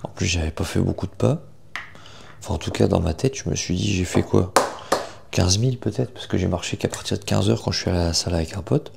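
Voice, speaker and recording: Young dude, deep croaky vocal fry, chatty morning vlog, bit of background hiss. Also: male voice, brisk, a little mellow. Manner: informal, slangy, self-deprecating. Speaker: vlogger. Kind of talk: casual morning vlog chat.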